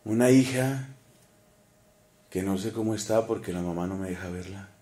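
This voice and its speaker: A man preaching a sermon, animated, asking the congregation questions and swinging between loud and hushed delivery. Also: fairly low pitch, moderate pace, echoey room. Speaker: priest preaching.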